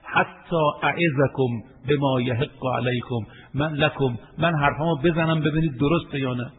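A man delivering a sermon in a fairly high voice, with long reverb from a hall. The sound is thin and phone-like, with faint hiss underneath. He asks rhetorical questions and recites Arabic verses. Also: steady tone, breathy edge. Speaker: preacher. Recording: echoey hall over tinny phone-like line, faint hiss.

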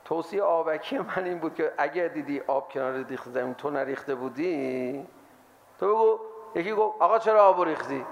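A man giving a lively sermon to an audience, acting out the voices of people he quotes. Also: a little high. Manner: animated, acts out quoted voices. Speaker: religious lecturer.

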